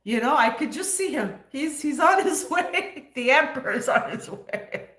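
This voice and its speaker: A woman's voice: sits high, animated, unhurried, fairly bright tone, echoey room. A woman in her fifties hosting a casual livestream, joking and sarcastic, laughing often. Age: 50s. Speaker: livestream host.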